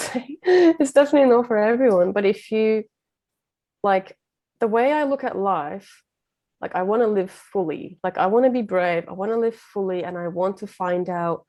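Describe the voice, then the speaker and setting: Woman from Turkey, guest coach, reflective and earnest, warm mellow tone. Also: medium pitch. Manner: reflective, earnest, many fillers. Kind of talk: casual conversation.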